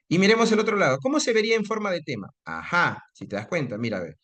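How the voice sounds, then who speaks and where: A man's voice: on the high side, a bit bright. A man teaching a class on reading comprehension, explaining step by step and checking in with frequent tag questions. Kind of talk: online lecture on reading comprehension.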